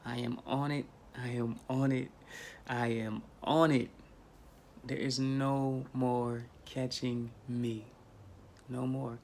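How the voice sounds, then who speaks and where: Slow and flat, his medium-pitched voice is gravelly with a slightly mellow edge. He's a spiritual vlogger in his thirties talking casually into an arm's-length phone camera in a small bedroom, emphatic and preachy, repeating himself for effect amid slight background noise.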